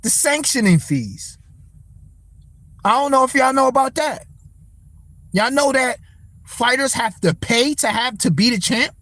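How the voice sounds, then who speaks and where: A man's voice: extremely high pitch, animated, measured pace, long pauses, pushed and bright, no echo. A young man hosting a casual boxing talk livestream, speaking, blunt and profane as he answers his chat. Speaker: livestream host.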